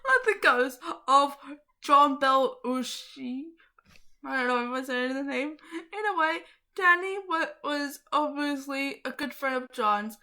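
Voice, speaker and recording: A woman's voice: sits high, a little slow, pushed and bright. A woman hosting her own channel, reading aloud to viewers in a casual, chatty way, giggling often and getting easily sidetracked. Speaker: channel host.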